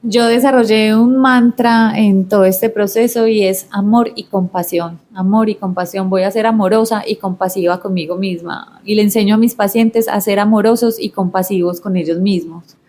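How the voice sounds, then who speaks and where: A woman's voice: mid-range voice, fairly even intonation, moderate pace. A woman who is a psychologist, explaining her ideas and giving advice as a guest in a conversation. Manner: warm, explanatory, gives advice. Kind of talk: reflective conversation.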